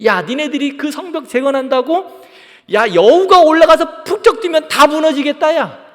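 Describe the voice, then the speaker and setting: Guy doing mocking old enemies, sneery and taunting, pitch all over the place. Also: animated, fast, dark tone, in a large hall. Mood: jeering. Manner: taunting, jeering, scornful. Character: sneering ancient male enemies mocking builders.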